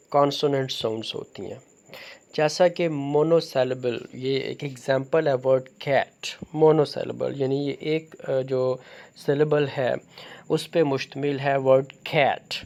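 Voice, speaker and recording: A man giving an explanatory lecture on phonology, slow and deliberate, with frequent fillers. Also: mid-range voice, darkish tone, lo-fi sound. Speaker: teacher.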